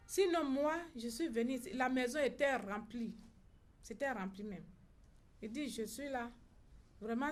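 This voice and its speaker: A middle-aged woman with an Ivorian French accent, a mother recounting events at a press conference and acting out the dialogue she reports. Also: on the high side. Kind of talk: personal account at a press conference.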